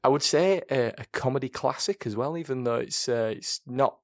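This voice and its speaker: A man's voice: medium pitch, moderate pace, darkish tone, no echo, studio quality. A man in his late twenties hosting a casual podcast, chatting with many restarts and frequent laughs. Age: late 20s. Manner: self-deprecating, laughs often, trails off in restarts. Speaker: podcast host.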